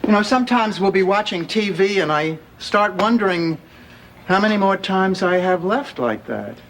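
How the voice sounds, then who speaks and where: A sardonic older woman with a deadpan, dry wit, played by an actress. Her voice swoops up and down a lot as she delivers her lines. The sound is an old sitcom track with audible hiss. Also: mid-range voice, normal speed, lightly acted, rough recording. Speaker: sitcom character. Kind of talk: sitcom acting.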